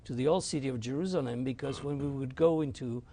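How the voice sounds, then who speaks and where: A man from Argentina whose first language is French, a rabbi recounting his experiences at an unhurried pace as an interview guest. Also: medium pitch, mellow. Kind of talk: reflective storytelling.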